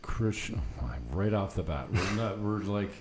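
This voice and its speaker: At a normal pace, a man with a fairly low, darkish, animated voice hosts a casual podcast from an apartment set up for recording. Without a script or filter, he drifts through anecdotes and swears a little. Background noise is noticeable.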